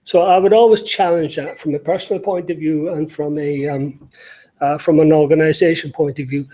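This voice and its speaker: A man's voice: on the high side, fairly even intonation, moderate pace, mellow, poor audio. A middle-aged man with an Irish accent, giving a conference talk with many fillers and restarts. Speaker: panel speaker.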